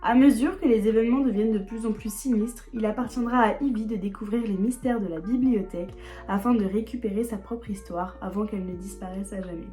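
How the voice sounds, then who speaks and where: A woman's voice: medium pitch, a little fast, warm tone, faint music behind. A young woman vlogger chatting casually and eagerly, often repeating words for emphasis. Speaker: book vlogger. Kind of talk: casual book haul chat.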